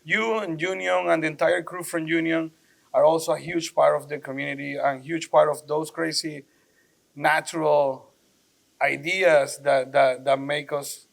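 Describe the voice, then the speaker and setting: A man from Venezuela, a brewery co-founder, chatting as a guest in a relaxed, friendly way with casual slang. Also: fairly high pitch, unhurried, vocal fry. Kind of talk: casual chat.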